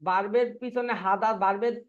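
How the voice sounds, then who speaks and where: A man's voice: high-pitched, steady tone, brisk, phone-quality sound. A man teaching a Korean language class online, drilling students by asking the same questions over and over and answering them himself. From Bangladesh.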